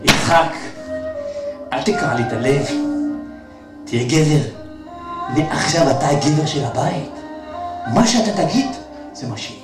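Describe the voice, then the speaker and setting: A man's voice: on the high side, very animated, long pauses. An actor on stage playing a doting, theatrical mother who coaxes her son. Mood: coaxing. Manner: fond, theatrical, pleading. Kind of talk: one-man stage comedy. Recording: echoey theater from a distance, with music.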